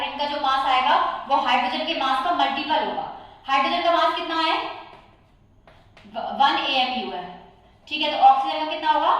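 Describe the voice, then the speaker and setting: Woman teacher, high voice, quizzing and self-answering, distant mic in a very echoey room. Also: fairly bright tone. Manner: poses questions and answers them herself. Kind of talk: exam-prep chemistry lecture.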